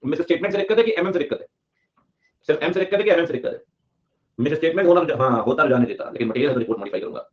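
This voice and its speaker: A male teacher giving a classroom lecture, joking and urging students to answer quickly, mixing English terms into his talk. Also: on the high side. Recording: muffled lo-fi sound.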